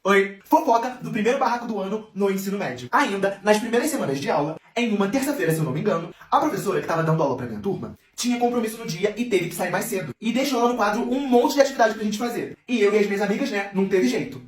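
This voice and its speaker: A man telling a gossipy school story in an animated, chatty way. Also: sits high, quick pace, hardly any pauses, reverberant. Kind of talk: casual spoken storytelling.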